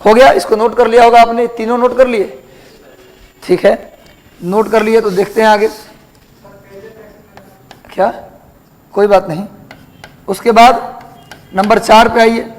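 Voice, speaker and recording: A man lectures a geography class in a high-pitched, level voice, speaking a bit slowly and often pausing. The recording is of low quality. He repeats terms and quizzes the students along the way.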